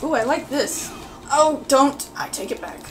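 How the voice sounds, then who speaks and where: A woman reacting live to her gameplay, excitably pleading and yelling at the screen, with faint game music behind her. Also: high voice, unhurried. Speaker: gameplay video host. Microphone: desk mic.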